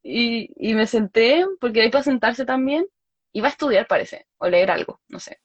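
Chilean woman, young, storyteller, dry dull sound, lively and laughing. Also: a little high, moderate pace, no room sound. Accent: Chilean Spanish. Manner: animated, laughs often, acts out quoted lines. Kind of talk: casual chat, storytelling.

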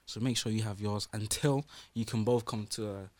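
A man's voice: on the low side, fairly even intonation, normal speed, a little mellow, dry recording. A young man with a London roadman accent, chatting casually in street slang as a podcast co-host. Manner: slangy street talk with tags like bruv and innit.

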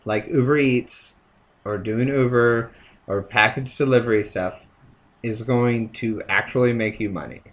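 Casual co-host, male, playful, joking, pitch leaps up when excited. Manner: playful, jumps into jokes and pitch swings. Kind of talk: casual chat.

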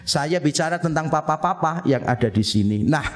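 A man's voice: on the high side, expressive, normal speed. A middle-aged male pastor preaching a sermon, asking rhetorical questions, answering them himself, and repeating phrases for emphasis.

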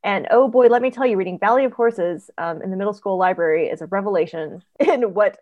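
Chatty animated woman guest. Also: medium pitch, no echo, muffled recording. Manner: animated storyteller, quick asides, frequent ums. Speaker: author guest. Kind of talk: casual interview chat.

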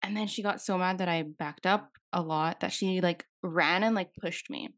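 A young woman tells a long story on her podcast in loose, casual chat, peppered with "like" and the odd swear word. Her voice sits on the low side, and the sound is dry and close, with no room around it. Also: normal speed, dry recording. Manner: rambling storytelling, heavy use of "like" fillers, swears freely. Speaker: podcast co-host.

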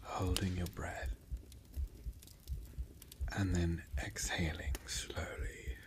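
A man giving gentle, reassuring ASMR relaxation in a soft spa-like whisper, in short phrases with pauses. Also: low-pitched, level tone. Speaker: ASMR guide.

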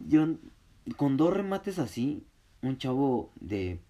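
A man's voice: medium pitch, moderate pace, dark tone. A young man with a Mexican accent casually telling a story in heavy slang, often breaking into laughter. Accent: Mexican Spanish.

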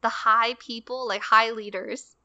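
A young woman chats casually on a podcast, spinning a story and acting out the voices of the people in it. Her voice sits a little high and sounds bright, smooth and clear. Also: little pitch movement, a little slow, highs cut off. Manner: chatty storytelling, acts out quoted lines. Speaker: podcast co-host.

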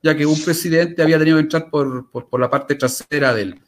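Speaking as an interview guest, this man has a Chilean Spanish accent and a voice on the high side with fairly even intonation, moving a little fast. He tells stories and offers commentary conversationally, articulate and emphatic, repeating phrases to hammer his points home.

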